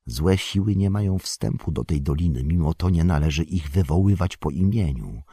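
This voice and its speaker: A stern old male wizard, grave and admonishing, as a man reading a storybook puts him on. The voice is low and husky, speaking with solemn weight. The sound is close and dry. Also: expressive, moderate pace, mellow, no echo. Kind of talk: audiobook character voice.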